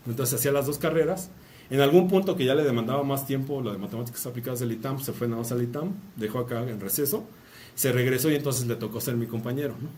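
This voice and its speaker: A man with a Mexican Spanish accent delivers a casual university lecture, talking fast in a medium-pitched, darkish voice. He's chatty, drops joking asides, and ends many phrases with a questioning "no?" A distant mic catches faint room noise.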